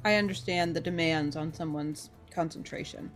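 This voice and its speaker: A woman's voice: deep voice, moderate pace, faint music behind. A woman player in a tabletop game, talking to a character in a friendly, chatty way.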